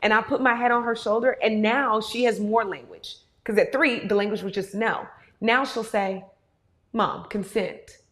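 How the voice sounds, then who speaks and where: A woman with a slightly high voice talks straight to her audience. She is candid and animated and swears freely. She sounds like a mother in her thirties who speaks her mind. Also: moderate pace. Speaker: host answering audience questions. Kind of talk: casual talk to an audience.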